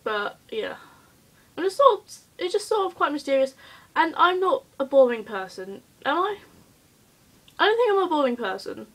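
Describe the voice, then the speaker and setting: Hyper, giggly woman vlogger with a highish voice. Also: big pitch swings, normal speed, poor audio. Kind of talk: casual chatty vlog.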